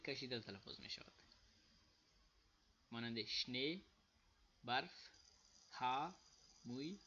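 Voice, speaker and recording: A man with an Afghan Dari accent giving a casual spoken lesson, saying example words slowly and loudly, then explaining them quietly. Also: medium pitch, lo-fi sound, slight background noise. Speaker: language teacher.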